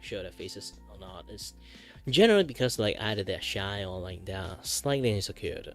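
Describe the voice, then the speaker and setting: Animated male anime-style streamer. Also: low voice, moderate pace, soft background music. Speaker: streamer host. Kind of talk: casual livestream chat.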